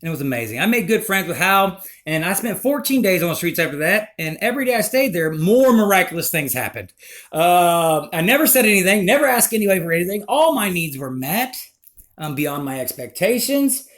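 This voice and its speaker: A man recounting a personal life story in a rambling, emotional, animated way. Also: high voice, fairly quick.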